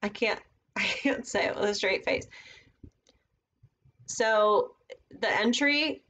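A woman's voice: medium pitch, slow, a bit bright. A woman casually teaching trading setups on a live stream, thinking aloud as she marks up charts at her computer. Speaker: trading educator.

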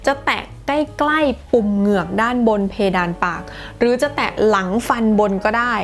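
Thai-accented woman teacher, slightly high voice, unhurried and playful, faint music behind. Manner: playful, demonstrates sounds slowly with repetition. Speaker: English teacher. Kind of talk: pronunciation lesson, casual. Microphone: close to the camera.

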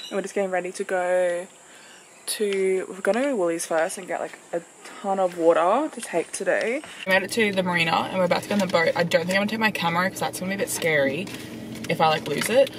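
A young Australian woman in her twenties talks quickly in a mid-range voice, chatting casually to a handheld camera or phone. She's a travel vlogger on a road trip, moving between the car and the outdoors, and she leans heavily on fillers, saying "like" often. Vehicle and outdoor noise fill the recording.

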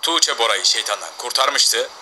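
A man hosting his game channel and narrating the episode in an upbeat, brisk way. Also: mid-range voice, lively intonation, sharp tone, a little hiss or hum, rough recording. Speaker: channel host.

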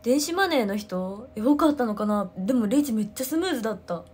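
A woman, chatting casually on a livestream, telling stories excitedly with sound words. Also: on the high side, fast talker, slightly rough. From Ehime, Japan. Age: 20s. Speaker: idol livestreamer. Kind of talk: casual livestream chat answering comments.

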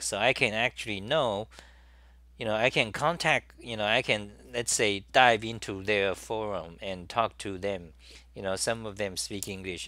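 A middle-aged talk show host from Taiwan, with a lowish, sharp-toned voice, talks alone to camera from a desk in a small room. His solo monologue rambles, full of "you know" and restarts. The recording is dry.

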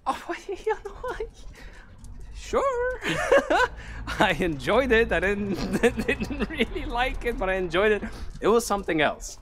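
A man's voice: very high voice, huge pitch swings, slow, fairly bright tone, slight background noise. A man live-streaming outdoors while walking his dog, chatting casually with viewers in a giggly, teasing way.

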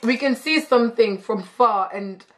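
A woman's voice: a little high, measured pace. A woman in her twenties hosting a casual sister tag chat on her channel, playful and teasing. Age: 20s. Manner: playful, teasing, dips into quiet whispers. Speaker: YouTube host. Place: living room couch indoors.

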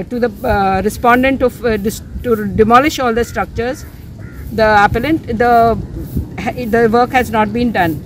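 A woman's voice: high-pitched, noisy background. An older woman activist, speaking earnestly outdoors in a news interview, restarting often. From India. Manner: earnest, insistent, with frequent restarts and fillers. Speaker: civic activist. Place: outdoors near a beach, under an umbrella.

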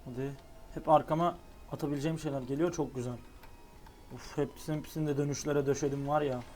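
Young male gamer, slightly high voice, casual play-by-play, light room hum behind. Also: fast talker. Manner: excitable, exclaims at near misses. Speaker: gaming YouTuber. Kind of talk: casual gameplay commentary.

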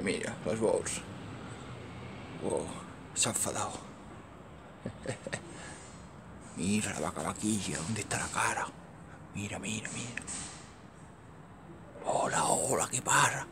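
A man with a Catalan accent, recorded on a phone outdoors, talking to himself in a gravelly, creaky voice. He keeps repeating himself, mutters under his breath and often sinks into whispers. Faint noise sits under the recording. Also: lowish voice. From Maresme, Catalonia. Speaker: amateur filmer. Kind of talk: casual commentary while filming. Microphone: phone camera.

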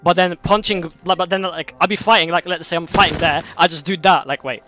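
A young man in casual gaming chat, often repeating his phrases in quick succession. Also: sits high, steady tone, bright, forceful tone, soft background music. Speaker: gamer.

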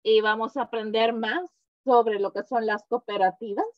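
A woman coordinator welcomes everyone to an online community talk, her phrasing earnest and a little halting. Her voice sits on the higher side. The video-call audio is dry and muffled. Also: steady tone, no room sound. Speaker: program coordinator, event host.

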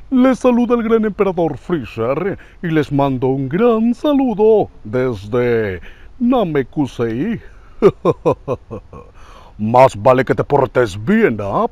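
Un hombre que imita a un emperador alienígena cruel y altivo de caricatura, con tono burlón. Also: male voice, fairly high pitch, warm tone, no room sound, heavily acted. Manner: sneering, gloating, laughs a lot.

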